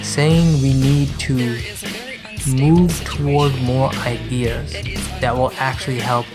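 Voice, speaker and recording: A man delivers dramatic scripted narration at an unhurried pace. He breaks sentences into short, emphatic phrases and lets each one land. Prominent music plays underneath his medium-pitched voice. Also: fairly even intonation. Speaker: video essay narrator.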